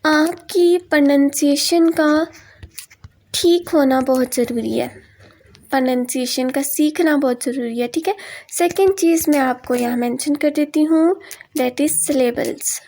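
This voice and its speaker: A woman's voice: high voice, takes it slowly, a little mellow. A middle-aged Pakistani woman with a Pakistani accent and Urdu as her first language, teaching a spoken English lesson at a board. She explains step by step, mixing in English terms and often checking in with "ठीक है".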